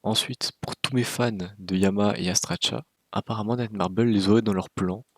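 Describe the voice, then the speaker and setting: A man's voice: fairly low pitch, fairly even intonation, normal speed, no room sound. A man giving casual, opinionated game news commentary with a wry, candid manner, speaking close to the microphone. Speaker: gaming video creator.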